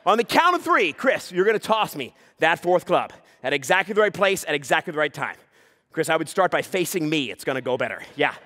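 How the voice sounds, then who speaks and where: Man, comedian onstage, high lively voice, teasing banter, crowd hype. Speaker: comedian and juggler. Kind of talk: live stand-up juggling act with a volunteer. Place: live stage before an audience.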